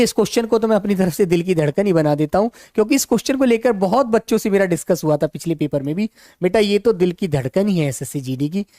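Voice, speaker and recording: Calm man teaching with a sore throat. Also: high voice, no echo, studio quality. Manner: calm, unhurried, affectionate to students. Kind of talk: online exam-prep class.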